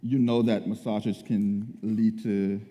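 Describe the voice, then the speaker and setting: A man giving a casual, faith-based relationship talk as one of two speakers, pausing often as he goes. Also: fairly low pitch, little pitch movement, warm tone. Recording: reverberant room.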